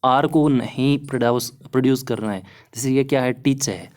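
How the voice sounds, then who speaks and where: A man's voice: mid-range voice, steady tone, normal speed, darkish tone. Hindi-speaking man teaching exam phonetics. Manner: encouraging, repeats "है ना" often. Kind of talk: explaining lesson over slides.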